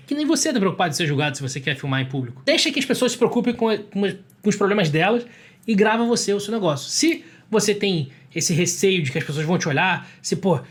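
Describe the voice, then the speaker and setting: A young man with a Brazilian Portuguese accent giving blunt, emphatic coaching advice straight to camera, swearing freely. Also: sits high. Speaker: marketing coach. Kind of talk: casual talk to camera.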